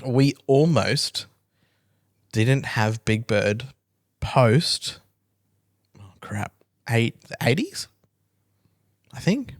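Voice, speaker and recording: A woman co-hosting a podcast in casual chat, hoarse and half-sick, rambling with fillers and deadpan jokes. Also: rumbling low, extremely slow, pauses often, dry recording, clean studio sound. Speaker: podcast co-host.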